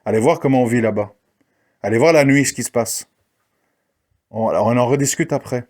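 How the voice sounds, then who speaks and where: A man's voice: mid-range voice, normal speed, darkish tone. A man delivering a combative spoken monologue, challenging his listeners and mocking the people he criticizes. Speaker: commentator. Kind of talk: ranting monologue.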